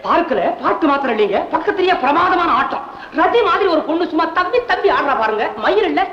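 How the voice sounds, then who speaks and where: A high, rapid-fire voice of a gossipy comic doctor, who chatters and needles everyone. He sounds like an old film soundtrack, muffled and ringing with long reverb. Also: expressive, sharp tone, full character voice. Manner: fast, gossipy, wheedling comic patter. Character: chatty meddling male doctor, gossiping and teasing.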